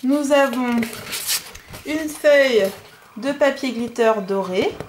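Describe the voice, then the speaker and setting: A woman's voice: sits high, slow, a little hiss or hum. A woman in her thirties from France, chatting casually in a DIY unboxing vlog, hesitant with many fillers. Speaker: DIY vlogger.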